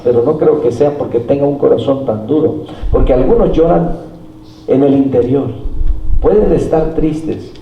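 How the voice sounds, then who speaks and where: A middle-aged man preaching a sermon in a church, teaching slowly with frequent fillers and questions to the congregation. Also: a little high, gravelly, muffled recording, slight background noise. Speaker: pastor. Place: church hall. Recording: echoey hall, mic far off.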